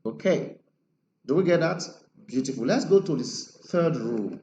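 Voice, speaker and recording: A man's voice: fairly high pitch, expressive, normal speed, warm tone. A man teaching an English grammar lesson, emphatic and quizzing his listeners with rhetorical questions. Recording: roomy lo-fi recording with faint noise.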